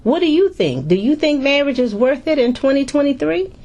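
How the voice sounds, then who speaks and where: A middle-aged woman hosting a casual discussion, chatty and warm, often repeating words as she goes. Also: sits high, sing-song, a little fast, highs cut off. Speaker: host.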